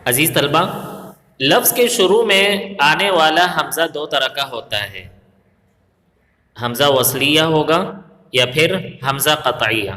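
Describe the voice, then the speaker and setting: A man's voice: on the high side, sharp tone. Male Urdu teacher in an echoey room. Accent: Pakistani Urdu. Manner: explains step by step, asks and answers his own questions; slows down to recite Arabic examples. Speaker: Arabic grammar teacher. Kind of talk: recorded video lesson. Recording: echoey room with long reverb.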